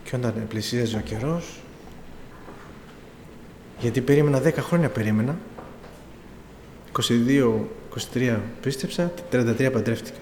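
A man's voice: mid-range voice, pauses often, a little mellow. Man, middle-aged, preacher, storytelling with pleading emphasis, long reverb, faint room noise. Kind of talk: sermon testimony.

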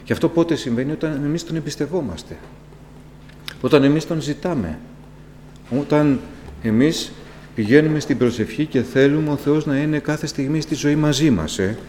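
An impassioned man preaches to his congregation, his slightly mellow voice jumping suddenly in pitch and volume as he poses rhetorical questions and addresses them directly. The recording carries long reverb and a faint electrical hum.

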